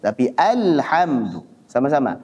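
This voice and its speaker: A man teaching Quran recitation rules, drawing sounds out slowly to demonstrate and then explaining briskly. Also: medium pitch, big pitch swings, darkish tone. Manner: chants verse lines in a measured recitation. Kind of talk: tajwid lesson with slow demonstrations.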